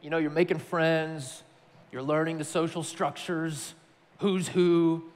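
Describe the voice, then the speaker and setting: A man from Tennessee preaching a sermon, telling a personal story in a conversational, animated way. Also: on the high side, unhurried, long reverb tail. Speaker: pastor.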